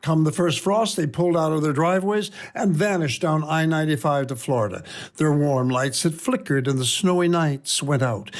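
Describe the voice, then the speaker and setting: A man's voice: fairly high pitch, vocal fry. An older man reading his own personal essay aloud in a wry, reflective storytelling manner. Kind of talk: scripted personal narration.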